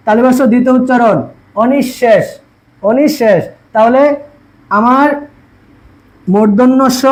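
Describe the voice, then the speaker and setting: High-pitched teacher drilling words. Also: male voice, a little mellow, rough recording. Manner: explains step by step, asks questions and answers them himself; repeats words slowly to drill pronunciation. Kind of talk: exam-prep lesson.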